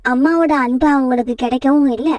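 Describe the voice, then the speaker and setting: Brief: woman storybook narrator, high and steady, dry and slightly distant recording. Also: a little fast, dry recording.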